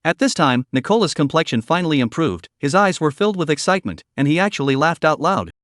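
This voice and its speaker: A man narrating a dramatic recap story in a scripted, animated reading style. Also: on the high side, fast talker, dry recording, studio quality.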